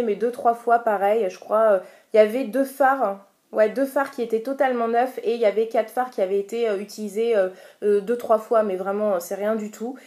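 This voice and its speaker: A woman's voice: mid-range voice, dark tone. A woman reviewing makeup in a casual home vlog, gushing and exclamatory, with many fillers. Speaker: beauty vlogger. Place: at home, indoors.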